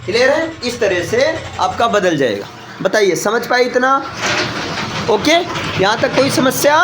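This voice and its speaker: A man teaching a class, spelling words out letter by letter and often asking the students if it is clear. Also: very high-pitched, big pitch swings, unhurried, heavy background noise. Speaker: English teacher. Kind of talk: classroom lesson with call and response. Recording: roomy classroom audio from a distance.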